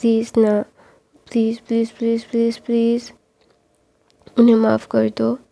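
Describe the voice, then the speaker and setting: A woman reading the part of a sweet young man, full of apologies and coaxing pleas. The delivery is a touch high, flat in melody and very mellow in tone, like her own reading voice. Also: measured pace, vocal fry, no echo. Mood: begging.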